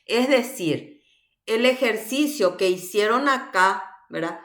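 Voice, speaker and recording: A woman with a Paraguayan accent teaching a recorded class, slowly and patiently drilling words aloud syllable by syllable. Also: mid-range voice, expressive, a bit bright, reverberant. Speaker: language teacher.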